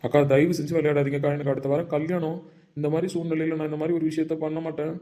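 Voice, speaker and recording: A young man with a mellow, dark voice acting in a melodramatic drama, firing off angry denials at a very fast pace. His pitch sits a little high for a man. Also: flat delivery. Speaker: actor in a short web drama. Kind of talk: melodramatic short-film acting.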